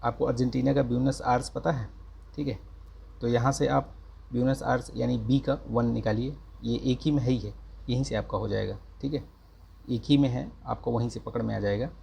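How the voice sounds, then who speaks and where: A man teaching an exam-prep lesson, speaking slowly and carefully and checking in with the listener again and again. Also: mid-range voice, fairly even intonation, gravelly, dark tone, breathy edge. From India. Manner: slow, careful speech with repeated check-ins. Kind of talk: casual exam-prep lecture.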